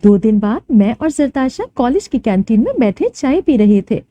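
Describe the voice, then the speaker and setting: Expressive woman narrating a story. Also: fairly high pitch, moderate pace, lo-fi sound. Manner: dramatic, expressive reading. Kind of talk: first-person story narration.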